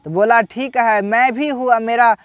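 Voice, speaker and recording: A man with a high-pitched voice narrates a devotional folk story at a slow, halting pace. He voices the characters' quoted lines as he goes. The sound is dry and close. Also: steady tone, a bit bright, clean tone, no echo. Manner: unhurried, halting retelling with restarts and acted quotes. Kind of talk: casual spoken religious story.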